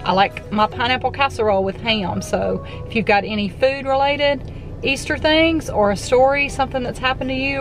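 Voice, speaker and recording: A middle-aged woman chats casually into a camera held at arm's length from her parked car. She walks through prices and plans for the week in an easy, talkative way. Clear background music plays under her voice. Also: fairly high pitch. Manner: chatty, thrifty, talks through prices and plans. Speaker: cooking channel host. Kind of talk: casual vlog chat.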